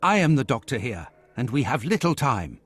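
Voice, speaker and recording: An actor playing a loyal, earnest Victorian doctor in a video game, with a husky voice. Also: male voice, mid-range voice, big pitch swings, normal speed, a bit bright.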